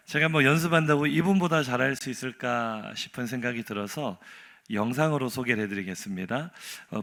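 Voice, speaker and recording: Pastor from seoul, chatty sermon, asks the crowd stuff, bright tone. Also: male voice, mid-range voice. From Seoul, Korea. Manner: conversational, questions to the congregation.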